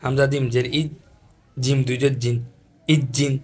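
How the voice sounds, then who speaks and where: A man runs an online Quran reading class. He spells out Arabic letter sounds one by one in a patient, sing-song drill. He repeats each syllable pair again and again at a steady pitch. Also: normal speed.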